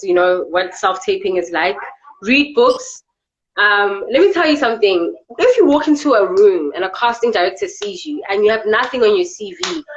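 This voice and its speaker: Chatty south african actress, lotsa "you know", kinda muffled recording. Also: female voice, mid-range voice. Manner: chatty, filler-heavy, repeats "you know". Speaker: actress, guest. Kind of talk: casual interview chat.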